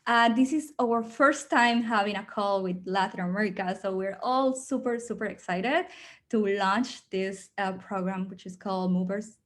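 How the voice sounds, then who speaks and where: With a mid-range voice at normal speed, a Mexican woman with a strong accent runs an upbeat onboarding video call. As program host she keeps the presentation casual and chatty, filling it with fillers.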